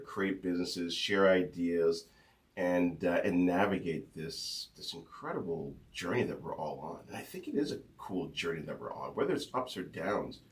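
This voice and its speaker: A man hosting a podcast, chatty and enthusiastic, asking long rambling questions. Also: deep voice. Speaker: podcast host. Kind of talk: casual interview chat.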